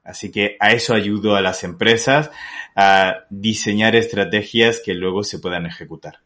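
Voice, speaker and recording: Low-voiced Spanish male guest. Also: normal speed, bright, forceful tone. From Spain. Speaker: guest consultant. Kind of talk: podcast interview.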